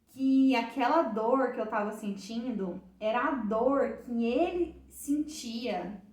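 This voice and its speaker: A woman's voice: fairly high pitch, darkish tone, echoey room, recorded from a distance. A woman with a Brazilian Portuguese accent giving an emotional church testimony to a group of women, retelling it with heartfelt repetition and many restarts.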